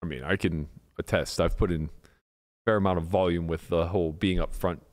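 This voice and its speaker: A man's voice: low voice, steady tone, fairly quick. A man talking candidly in a casual podcast chat, rambling a little with fillers and restarts.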